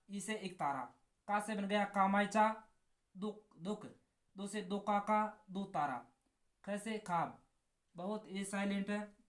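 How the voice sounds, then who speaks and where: Slow, drilling woman teacher, echoey room. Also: medium pitch. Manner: slow, drawn-out repetition of words, drilling. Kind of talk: exam-prep lesson with a memory trick.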